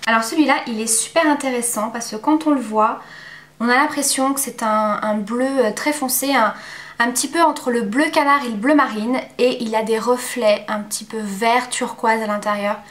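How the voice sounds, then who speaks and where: A woman giving a casual, chatty makeup review at home, pausing often on fillers. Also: fairly high pitch, a bit bright, echoey room. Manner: chatty, many filler pauses. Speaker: beauty vlogger.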